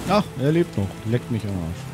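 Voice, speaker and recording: A man's voice: medium pitch, sing-song, moderate pace. A man giving casual, offhand commentary as he plays a video game, as if talking to himself. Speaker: let's player. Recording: loud game music and rain behind.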